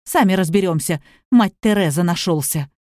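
A woman's voice: fairly low pitch, moderate pace, darkish tone, dry recording, clean studio sound, lightly acted. A woman reading the lines of a selfish adult daughter who speaks with scorn and hysteria. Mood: scornful.

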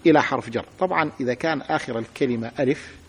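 A man's voice: mid-range voice, racing, slightly rough. A sheikh teaching a grammar lesson, patiently repeating examples and asking his students to say them aloud. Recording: long hall reverb.

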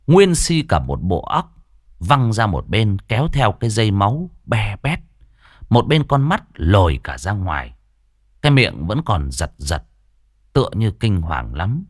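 Give me a lively male ghost story narrator. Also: on the low side, measured pace, no echo. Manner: dramatic, expressive. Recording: dry studio voice with faint music.

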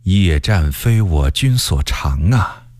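Man doing a scheming court eunuch, shrill laugh, drawling, arrogant, slow. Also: lively intonation, darkish tone, dry recording. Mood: haughty. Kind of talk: storytelling character voice.

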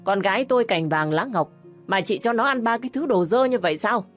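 A woman's voice: mid-range voice, expressive, brisk, faint music behind, pitched above the performer's own voice, lightly acted. A woman voicing a haughty middle-aged mother who scolds sharply over the phone in a narrated story. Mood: scolding.

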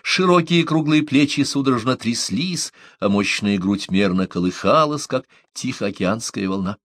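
A male audiobook narrator reading a novel in an even, measured way. His voice sits at a middle pitch for a man. The recording is close and dry, with no room sound. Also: no echo.

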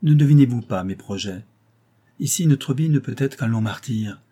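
A man's voice: medium pitch, lively intonation, moderate pace, mellow, breathy edge. A man reading aloud and voicing a fiery, desperate young marquis in an audiobook, speaking in an urgent, commanding way.

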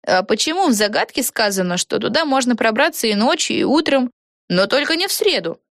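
A woman's voice: a little high, big pitch swings, a little fast, gravelly, a bit bright, dry recording, clean studio sound, pitched above the performer's own voice, full character voice. A woman voicing a brash, impatient young girl in a storybook, speaking bluntly and hurriedly in a raised voice.

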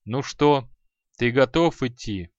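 Man doing an unbothered death demon, flat and matter-of-fact, dull dry audiobook sound. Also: medium pitch, slow pace, no room sound, close to an everyday voice. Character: calm winged male demon of death.

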